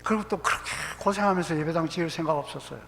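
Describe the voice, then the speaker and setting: A man's voice: a little high, very fast, vocal fry, fairly bright tone. A middle-aged man with a Gyeongsang accent preaching a sermon as pastor, telling folksy stories and slipping into quoted voices and dialect. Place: church sanctuary. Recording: long hall reverb, faint hum.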